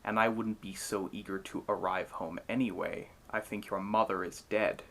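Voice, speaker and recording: A man's voice: deep voice, fairly even intonation, normal speed, vocal fry, a bit bright, exaggerated voice. A man voicing an insolent old ferryman in a myth retelling, mocking and provoking.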